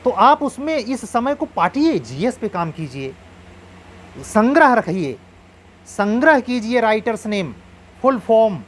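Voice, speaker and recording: A man's voice: sits high, sing-song, measured pace, fairly bright tone, a little hiss or hum. Man giving earnest exam advice. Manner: earnest, advising, uses proverbs. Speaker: exam coach.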